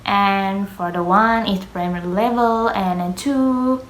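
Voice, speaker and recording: A woman's voice: medium pitch, slow, slight background noise. A young woman who speaks Indonesian as her first language, giving a hesitant class presentation on pronunciation, with many fillers and grammar slips. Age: young adult. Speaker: student presenter. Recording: echoey room.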